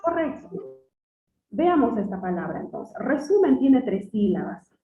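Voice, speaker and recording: Woman teacher, patient questioning, slow repeated words, distant from the mic, tinny phone-like sound. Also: mid-range voice, very animated, echoey room. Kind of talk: classroom lesson.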